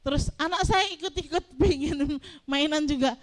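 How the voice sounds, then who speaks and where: Middle-aged woman pastor, high voice, lively storytelling sermon that acts out the dialogue. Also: normal speed. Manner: animated storytelling, acting out dialogue.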